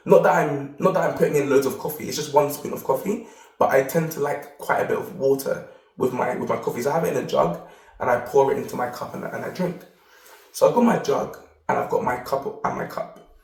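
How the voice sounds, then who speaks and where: A man's voice: mid-range voice, a little fast, distant mic. A man hosting a self-help video, telling a rambling personal story with lots of repeated words. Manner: rambling, repeats words, animated when quoting. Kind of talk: casual storytelling monologue. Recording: roomy, off-mic sound.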